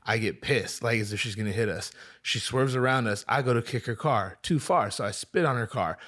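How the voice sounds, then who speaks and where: A man's voice: medium pitch, fairly quick, fairly bright tone. A man telling a long story in casual, profane chat.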